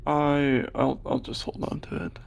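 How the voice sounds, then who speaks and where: A man's voice: medium pitch, little pitch movement, unhurried, vocal fry, muffled recording, a little hiss or hum. A man playing a tabletop game, talking casually and a little hesitantly. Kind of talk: casual chat.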